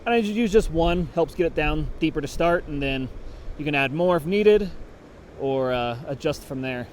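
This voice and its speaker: A man's voice: on the high side, animated, moderate pace, a little hiss or hum. A man explaining fly fishing technique while fishing outdoors, talking casually and thinking aloud. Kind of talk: on-the-water instruction. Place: outdoors at a creek.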